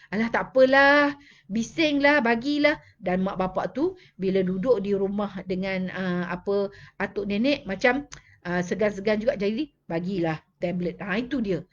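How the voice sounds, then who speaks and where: A Malaysian woman hosting a casual live stream on child behavior, chatting with viewers and mixing in English words. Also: mid-range voice. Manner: chatty, answers viewer comments, mixes in English. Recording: dull lo-fi live-stream audio.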